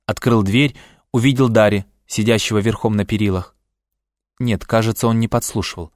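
A man reading a first-person novel aloud in a calm, reflective, melancholy manner. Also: lowish voice, moderate pace, no echo, studio quality. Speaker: audiobook narrator. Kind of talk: first-person literary narration.

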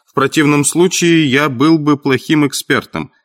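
A man voicing a cool, precise male detective who explains his deductions calmly. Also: a little high, voice pushed up, close to an everyday voice. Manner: calm, measured, coolly confident.

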